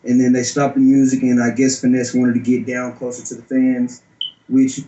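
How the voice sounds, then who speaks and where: A man's voice: mid-range voice, completely flat delivery, moderate pace, warm tone, lo-fi sound. A man giving an informal interview account as a security guard. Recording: roomy echo.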